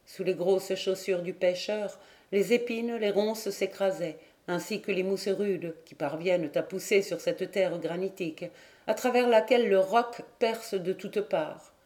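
A woman narrates a literary audiobook in a measured, even storytelling manner. Her voice is mellow and warm, sitting at a middle pitch. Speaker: audiobook reader.

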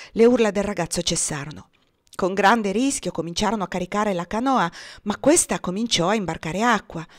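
A woman reading a translated memoir aloud as audiobook narration, with slow, dramatic pauses. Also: mid-range voice. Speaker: reader.

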